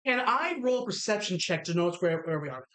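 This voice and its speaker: Player, woman, lowish voice, playful and excitable at the table. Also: a little fast. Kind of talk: casual tabletop game play.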